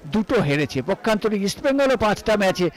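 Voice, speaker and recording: A man's voice: high-pitched, sing-song, fast talker, rough recording. A man commentating live on a football match.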